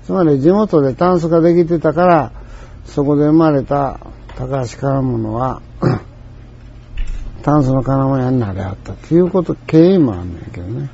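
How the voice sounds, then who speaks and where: An older man with an Osaka Kansai accent, casually telling a story from his merchant days, chatty, acting out the voices of the people in it and often clearing his throat. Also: mid-range voice, moderate pace, mellow, slight background noise. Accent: Osaka Kansai Japanese. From Osaka, Japan. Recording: dull lo-fi recording.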